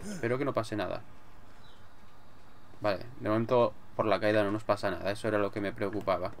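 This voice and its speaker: A man's voice: fairly low pitch, a little fast, vocal fry, a little hiss or hum. A man with an accent from Spain giving casual, sweary gameplay commentary, muttering to himself as he plays. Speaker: gamer, let's player. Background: game music.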